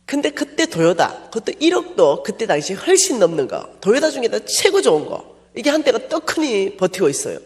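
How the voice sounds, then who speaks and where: A woman pastor telling a personal story in a sermon, animated and self-mocking. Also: mid-range voice, fairly quick, hardly any pauses.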